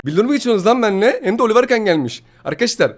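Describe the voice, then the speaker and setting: A young man giving excited gameplay commentary while opening player packs, pleading and grumbling in frustration by turns. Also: high voice, racing, loud music behind the voice. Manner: swings from pleading to loud frustration.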